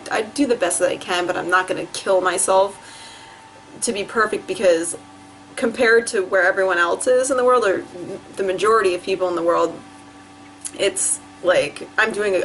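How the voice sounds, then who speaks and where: A woman's voice: lowish voice, normal speed, a bit bright, a little hiss or hum. A young woman from New Jersey talking to her camera at home in a rambling, profane vlog, laughing often and acting out her own quotes. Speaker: vlogger. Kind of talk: rambling personal vlog monologue. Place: indoors at home. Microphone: camera facing the speaker.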